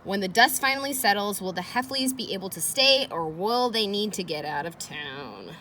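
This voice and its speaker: A woman teacher with a medium-pitched, bright voice reads aloud from a children's chapter book, her intonation lively and her tone forceful at normal speed. Along the way she offers casual, encouraging comments and questions. The noise of children playing fills the background.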